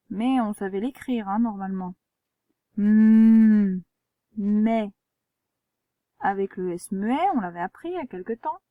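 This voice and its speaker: Slow, gentle woman teacher spelling dictation. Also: mid-range voice, no room sound. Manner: slow, spelling words letter by letter; gentle, reminding pupils of traps. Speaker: primary school teacher. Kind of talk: dictation lesson for children.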